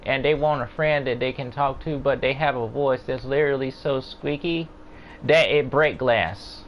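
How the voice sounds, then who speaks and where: A man with a Louisiana accent rambles in a casual gaming chat, spinning long jokey stories at a middling pitch. A faint hiss of noise sits behind him. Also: normal speed, highs cut off. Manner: rambling, joking storyteller. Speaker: gamer.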